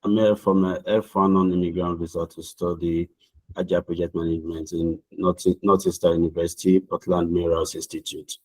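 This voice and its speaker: A young man from Nigeria, speaking with a Nigerian accent, earnestly and formally answers practice visa interview questions over a video call, often beginning his words again. His low, darkish voice has a breathy edge, a level tone and a slightly fast pace, and the recording quality is low.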